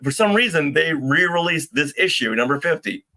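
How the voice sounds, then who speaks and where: Bright-voiced man co-hosting a live stream. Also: fairly high pitch, animated, moderate pace. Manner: playful, bantering, reacts to live comments. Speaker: co-host of a fan live stream. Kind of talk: casual live-stream chat.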